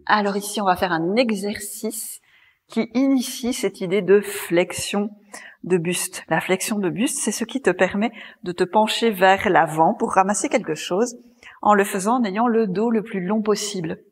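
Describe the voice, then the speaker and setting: A woman yoga teacher leading a class, calmly guiding breath and movement in a soft, breathy voice. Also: mid-range voice, moderate pace, in a large hall. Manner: calm, gently guiding, cueing breath and movement. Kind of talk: guided yoga class instruction. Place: yoga studio.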